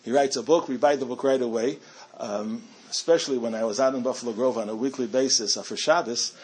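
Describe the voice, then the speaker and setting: A man's voice: medium pitch, quick pace, darkish tone, breathy edge. A middle-aged man giving a storytelling talk to a community audience, chatty and self-amused, with frequent restarts.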